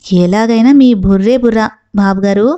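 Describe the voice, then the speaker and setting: A woman reading the lines of a timid, flattering male servant who pleads and fawns. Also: medium pitch, moderate pace, clean tone, no room sound, highs cut off, natural voice. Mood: fawning.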